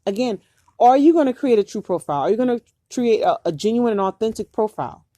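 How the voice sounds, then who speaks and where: A woman's voice: fairly high pitch, animated, fast, warm tone, no echo, clean studio sound. A woman vlogger giving dating advice to her viewers, earnest and urgent, repeating her warnings. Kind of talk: earnest direct-to-camera talk.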